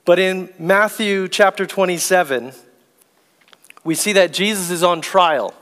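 High-voiced male pastor in echoing church. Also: a bit bright. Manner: slow, deliberate preaching, reads scripture aloud. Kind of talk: sermon. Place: church sanctuary.

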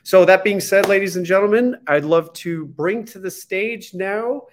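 A man's voice: sits high, normal speed, a little hiss or hum. A man hosting a casual interview, friendly and hesitant, with many fillers. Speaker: interview host.

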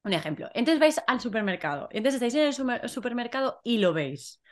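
A woman from Spain with a Spanish accent, a guest teacher chatting casually and explaining sayings with lively examples. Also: fairly high pitch, fast talker. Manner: lively, gives examples, says vale often.

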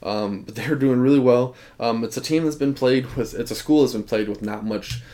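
A young man co-hosting a casual sports podcast, talking in a relaxed, rambling way and laughing often. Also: mid-range voice, moderate pace. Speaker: podcast co-host.

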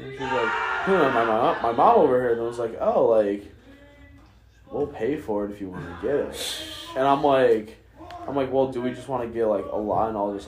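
A young guy tells stories in loose frat-bro slang with some swearing. His pitch is average for a man. The room around him is noticeably echoey. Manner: frat-bro slang, heavy use of "like", profane. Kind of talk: casual storytelling.

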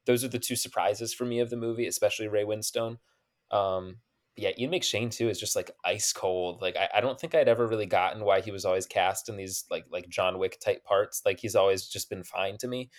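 A man's voice: on the low side, fairly even intonation, fairly quick. A young man co-hosting a podcast, chatting casually about a film, peppering his talk with "like". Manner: chatty, frequent "like" fillers, laughs easily. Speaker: podcast co-host.

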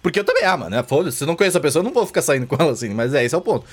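A man's voice: on the high side, sing-song, rapid-fire, breathy edge. A young Brazilian man hosting a casual group chat, slangy and rambling with lots of fillers. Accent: Brazilian Portuguese.

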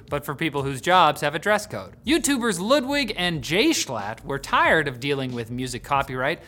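A tech news host reading scripted headlines with jokey, sarcastic asides, swinging from loud bursts to hushed mutters. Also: mid-range voice.

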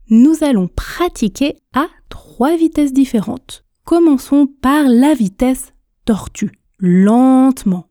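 A woman hosting a French lesson podcast, calmly guiding listeners through pronunciation drills and repeating phrases patiently. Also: sits high, no echo, clean studio sound. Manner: calm, patient, counts learners in and repeats phrases. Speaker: French teacher, podcast host. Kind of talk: pronunciation lesson, slow and articulated.

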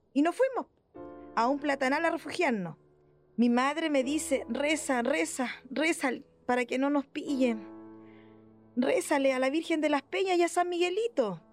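High-voiced woman reading over soft music. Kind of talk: read testimony. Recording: faint music behind.

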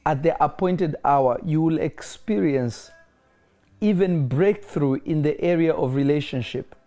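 A man's voice: on the high side, measured pace, dark tone. A man delivering a prophetic word to a caller, declaring blessings and often asking if he is listening. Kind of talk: prophetic ministry over a phone call.

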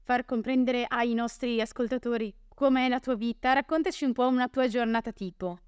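A woman's voice: a little high, steady tone, brisk, clean tone, dry recording, clean studio sound. A woman hosting a podcast, asking questions and speaking directly to the listeners. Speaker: podcast host. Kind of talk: podcast interviewing.

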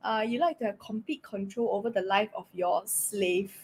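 A woman's voice: mid-range voice, moderate pace, a little mellow, slightly rough. A woman with a Singaporean accent co-hosting a casual livestream chat, explaining things in a chatty, giggly way. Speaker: co-host.

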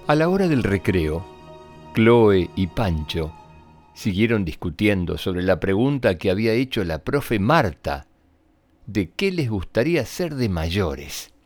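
A man's voice: fairly low pitch, sing-song, unhurried. A man hosting a children's story programme, speaking expressively to young listeners as he reads scripted tales. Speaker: children's storyteller and show host. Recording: roomy echo, music behind.

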